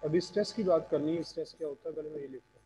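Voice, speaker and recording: A man's voice: on the high side, fairly even intonation, racing, mellow. Man teaching online in a roomy echo. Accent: Pakistani. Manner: patient, quizzes students. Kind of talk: online class lecture. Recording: roomy reverb, faint noise.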